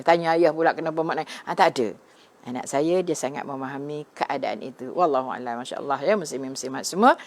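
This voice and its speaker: Middle-aged female religious teacher, low gravelly voice, gentle chatty delivery to an online audience. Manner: gentle, conversational, often tagging "ya" and addressing the audience. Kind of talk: live online religious talk, reading viewers' comments.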